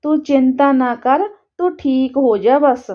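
A grieving village man, tender and tearful, coaxing gently, as a woman narrator voices him. The voice is high and unhurried. The recording sounds dull and lo-fi.

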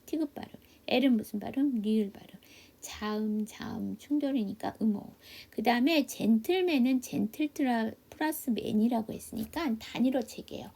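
Woman English teacher, husky mellow voice, patient quiz-and-answer drilling, slips into half-whispers. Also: on the high side. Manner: patient step-by-step drilling, asks and answers own questions; drops into soft half-whispers on explanations. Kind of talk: online phonics lesson. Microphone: computer mic for a video class.

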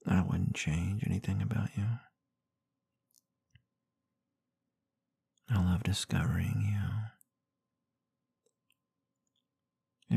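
A man playing a tender, protective, gently dominant boyfriend in an intimate ASMR role-play, murmuring breathy, husky reassurance with soft hums, close to the microphone. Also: deep voice, dry recording, heavily acted. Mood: tender, adoring. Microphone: close microphone in a dry space.

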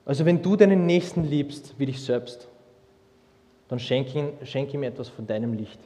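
A young man preaching a sermon, lively and humorous, with many restarts as he tells stories. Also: mid-range voice, moderate pace. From Austria. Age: young adult. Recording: long hall reverb.

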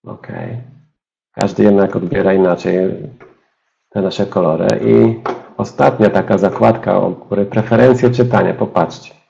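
A low, gravelly man's voice with a dark, mellow tone gives a step-by-step software demonstration. He speaks to his listeners directly, like a trainer in a webinar. The audio is dull and lo-fi. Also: moderate pace. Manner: explanatory, addresses listeners directly.

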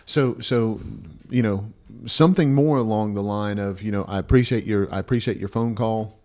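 Recorded on a close, stand-mounted podcast mic in a small indoor studio, this fifty-something male co-host of an advice show speaks at normal speed in a fairly low, mellow voice. He's blunt and emphatic, repeats himself, and keeps checking in with "right?"

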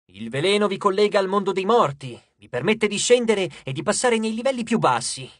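An audiobook narrator voicing a boastful, theatrical male harvest god who declaims loudly and grandly. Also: medium pitch, expressive, brisk, no room sound, clean studio sound, natural voice. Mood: instructive. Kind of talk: audiobook character voice.

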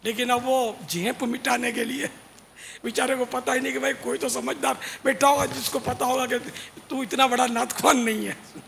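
A man's voice: very high voice, flat delivery, creaky, a bit bright. A man, a religious scholar, explaining and admonishing in a religious question-and-answer talk at a large gathering. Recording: long hall reverb, faint noise.

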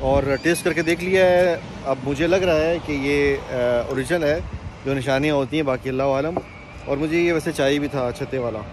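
A man's voice: fairly high pitch, fairly even intonation, normal speed. A man in his thirties chatting casually as a travel vlogger, filming himself on a phone at arm's length by the road and while driving. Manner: chatty, often repeats blessing phrases and fillers. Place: outdoors by a rural road and inside a moving car. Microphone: phone camera at arm's length. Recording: road and car noise behind.

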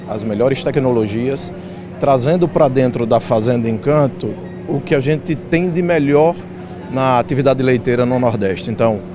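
A man's voice: medium pitch, noisy background. A man giving an on-location interview as a business partner. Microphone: handheld reporter's microphone. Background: loud music.

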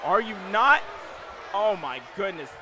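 A young man doing excitable play-by-play as a wrestling commentator on a video game stream, full of exclamations. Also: high-pitched, unhurried, a crowd in the background, background noise. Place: indoor gaming room.

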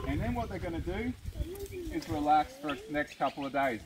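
A man's voice: a little high, animated, fairly quick. A young Australian man giving an informal, instructive zookeeper talk outdoors, breaking off to praise and coax the animals. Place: outdoors at a zoo animal enclosure. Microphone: camera a few metres away. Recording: very noisy outdoor phone recording.

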